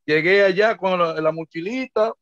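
A middle-aged man with a Dominican Spanish accent, an interview guest telling lively anecdotes and acting out the voices of people he quotes. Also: high voice, normal speed, dry recording. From Dominican Republic. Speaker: interview guest, merengue and bachata singer. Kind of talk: casual storytelling interview. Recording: dull lo-fi dry sound.

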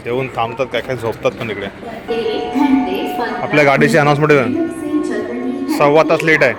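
Man vlogging over loud music. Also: on the high side, lively intonation, normal speed. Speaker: travel vlogger. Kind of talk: casual travel vlog narration. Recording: loud music, vehicle and outdoor noise.

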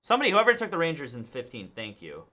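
A man's voice: on the high side, huge pitch swings, fast talker, pushed and bright. A man in his thirties hosting a live card break in a studio, reading out cards and thanking buyers by name.

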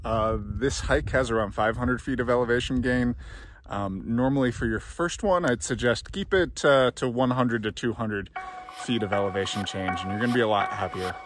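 A man giving relaxed, plain hiking advice outdoors on a snowy trail. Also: mid-range voice, moderate pace, noisy background. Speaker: outdoor vlogger. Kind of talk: casual outdoor explainer. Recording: music playing underneath.

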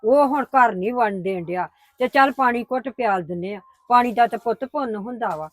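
A woman playing a patient grandmother who calmly coaxes and placates her family. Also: a little high, fairly quick, dry recording, natural voice. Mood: soothing. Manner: coaxing, placating. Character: patient grandmother, soothing mother-in-law. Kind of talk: family drama acting.

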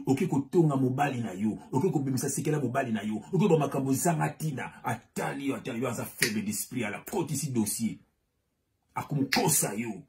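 A man's voice: mid-range voice, a little mellow. Fiery preacher man. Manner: fiery, switches between French and Lingala, repeats phrases with rising emphasis. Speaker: pastor. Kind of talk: preaching sermon.

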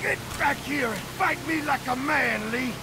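A man's voice: very high-pitched, a little slow. An actor playing an enraged, defiant young man who taunts aggressively in a video game drama, recorded under heavy rain noise. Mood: enraged, taunting.

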